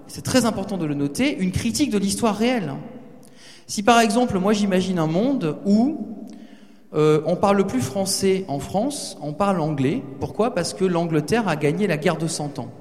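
A man giving a lively talk to students in a large hall, teasing and speaking to the audience directly. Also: high voice. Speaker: guest speaker addressing students. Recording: reverberant hall.

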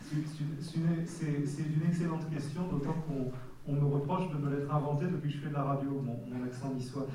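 Mellow-voiced man in his forties, halting. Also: on the high side, flat delivery. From Nice, France. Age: 40s. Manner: reflective, candid, halting. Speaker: author guest at a public talk. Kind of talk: casual public Q&A. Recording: echoey hall from far off.

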